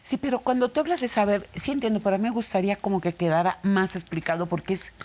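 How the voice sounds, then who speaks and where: A woman hosting a calm studio conversation about psychology, with frequent affirming murmurs. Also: medium pitch, fast talker. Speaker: host.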